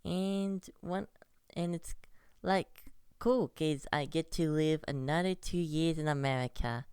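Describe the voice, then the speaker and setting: Low-pitched, very clear young woman rambling. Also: slow, a little mellow, dry recording, clean studio sound. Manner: rambling and hesitant, with many restarts. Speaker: vlogger. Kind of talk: casual vlog monologue. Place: at home. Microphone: computer recording.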